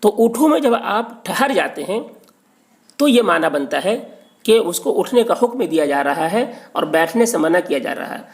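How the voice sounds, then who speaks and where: Gravelly-voiced man teaching patiently. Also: high-pitched, sing-song, normal speed. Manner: patient and repetitive, often checks with "okay". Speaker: religious teacher. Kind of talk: lesson on Quran recitation stop marks.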